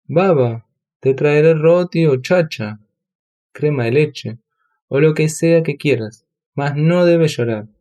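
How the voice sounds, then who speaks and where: A man voicing a gentle young divine cowherd in a storybook reading, speaking kindly. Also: medium pitch, unhurried, close to an everyday voice. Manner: kind, soothing.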